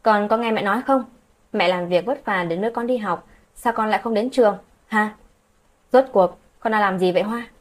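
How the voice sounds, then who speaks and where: A woman voicing a hardworking middle-aged mother who scolds her daughter with sharp, demanding questions, in a husky voice. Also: medium pitch, moderate pace, close to an everyday voice. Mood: scolding.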